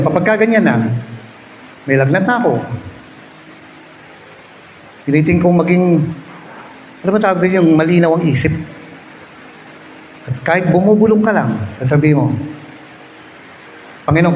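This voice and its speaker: A male pastor with a Filipino accent, preaching a sermon in storytelling style, swinging between hushed prayer and loud exhortation. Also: fairly high pitch, a little hiss or hum. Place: church hall. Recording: echoey hall, slightly dull sound.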